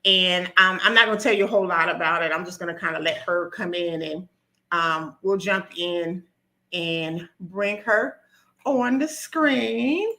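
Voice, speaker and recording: A woman's voice: lowish voice, fairly even intonation, normal speed, pushed and bright. A woman nurse practitioner hosting a live stream, nervous and talkative, with frequent ums and restarts.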